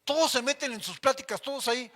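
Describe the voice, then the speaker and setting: A man's voice: very high voice, fast talker, sharp tone. A middle-aged man with a Mexican accent teaching an informal church Bible class, chatty and anecdotal, addressing listeners as brothers.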